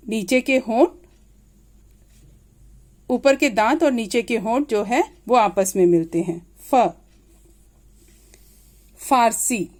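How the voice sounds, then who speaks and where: Slow, patient woman teacher. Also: a little high, a little mellow. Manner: slow, patient, repeating examples aloud. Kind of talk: grade-school grammar lesson.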